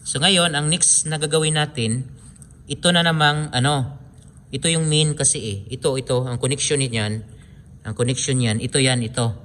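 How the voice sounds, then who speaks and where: A man with a Filipino accent and a mid-range, slightly bright voice hosts a casual DIY electronics tutorial, demonstrating wiring at a moderate pace. He goes step by step, often repeating himself and using pointing phrases as he shows things. A little hiss or hum is audible.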